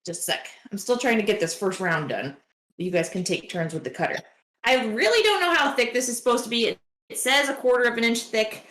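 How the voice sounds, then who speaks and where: A woman's voice: a little high, animated, fairly quick, fairly bright tone, echoey room. A woman hosting a baking livestream, chatting casually and rambling with lots of "like" fillers. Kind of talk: casual chat while baking. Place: home kitchen.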